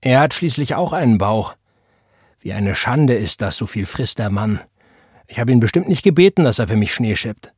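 A man voicing a sulky, contemptuous teenage boy who mocks and sneers, with a husky voice, in an audiobook reading. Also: medium pitch, normal speed, darkish tone, no echo, studio quality, pitched above the performer's own voice, close to an everyday voice. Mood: scornful. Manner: sneering, mocking.

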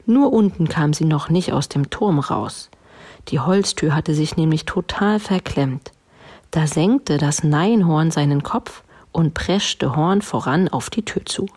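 Slow, husky woman reading a children's story. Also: low voice, lively intonation, a little mellow. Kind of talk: children's story read aloud.

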